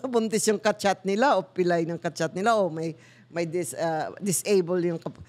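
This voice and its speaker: Animated Filipino woman host telling stories. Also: normal speed. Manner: animated storyteller, laughs often, jumps to high quoted voices. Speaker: talk show host. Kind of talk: casual chat mixing Tagalog and English.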